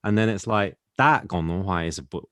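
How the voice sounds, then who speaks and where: A man co-hosts a podcast in lively, casual chat. His voice is somewhat low and sounds dry and close. He speaks in an animated way. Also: normal speed, dry recording. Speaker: podcast co-host.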